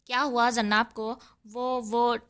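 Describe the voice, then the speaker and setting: A woman's voice: fairly high pitch, flat delivery, fairly bright tone, smooth, lightly acted. A woman voicing an anxious mother who asks urgent worried questions.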